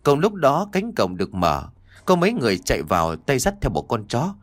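A man narrating a grim story for an audiobook in a dramatic, storytelling manner. His voice sits at a middle pitch and rises and falls a great deal. The recording is dry and close. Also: huge pitch swings, brisk, dry recording.

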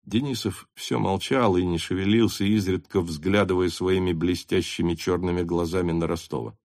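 A man narrating a classic novel in a steady, measured audiobook reading. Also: low-pitched, no room sound, studio quality.

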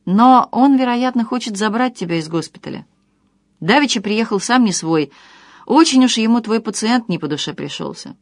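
A woman reading the part of a stern, loving grandmother who speaks in a lowered, cautioning voice. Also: animated, moderate pace, no room sound, studio quality, lightly acted. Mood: warning.

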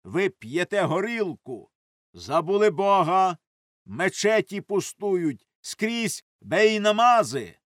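A man reading aloud and voicing a burly, hot-tempered old male believer who shouts in outrage. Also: high voice, sing-song, slow pace, dry recording, clean studio sound, pitched above the performer's own voice, heavily acted. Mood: outraged.

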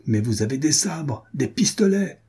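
A man voicing a vengeful, imperious noblewoman in an audiobook, giving sharp, commanding orders. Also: medium pitch, lively intonation, moderate pace, husky. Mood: furious.

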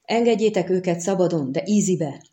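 Woman playing an excitable hearty knight. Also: on the low side, natural voice. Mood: excited.

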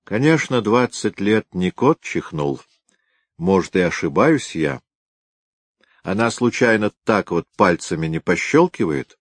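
A man's voice: sits low, animated, no room sound. Man voicing a musing veteran detective. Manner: musing, unhurried. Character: seasoned, thoughtful senior police detective, man.

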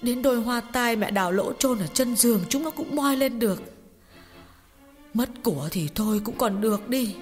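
A woman's voice: mid-range voice, lively intonation, moderate pace, close to an everyday voice. A woman voicing a sorrowful middle-aged mother recounting a family tragedy in an audio story. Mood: grieving. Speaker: audiobook voice actor. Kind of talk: audiobook drama reading. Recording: long reverb with faint music.

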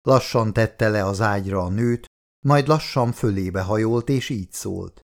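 Male audiobook narrator, lowish voice, calm steady read. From Hungary. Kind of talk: scripted narration.

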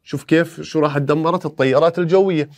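Man, history teacher, rapid and slightly high-pitched, animated review style. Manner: animated, rhetorical questions, playful skits. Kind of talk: exam review lesson.

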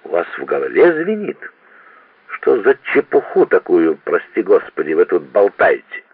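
A man voicing an agitated, pedantic older schoolmaster who shouts indignantly, heard on a tinny old radio recording. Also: low-pitched, wildly swooping pitch, normal speed, slightly rough, dry recording, exaggerated voice.

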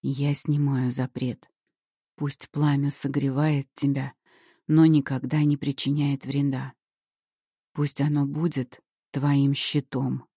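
A woman voicing a weary but steadfast fire-born immortal man who speaks slow, hushed, solemn vows. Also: medium pitch, little pitch movement, husky, no room sound, studio quality. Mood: solemn tender.

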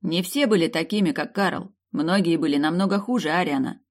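A man's voice: on the high side, fairly quick. An audiobook reader voicing a blunt male dragon noble who snaps and barks his words. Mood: gruff. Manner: gruff, snapping.

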